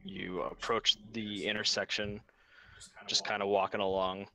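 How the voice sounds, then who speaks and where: A young man narrating a tabletop game as game master, relaxed and full of fillers and pauses. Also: lowish voice. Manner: relaxed, hesitant with many fillers.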